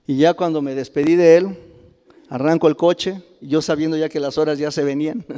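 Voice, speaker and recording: A middle-aged pastor with a Mexican Spanish accent delivers a storytelling sermon in a fairly high voice. He chuckles often and swells into loud exclamations. His voice rings with the long reverb of a church hall. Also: fairly even intonation, moderate pace, smooth. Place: church sanctuary.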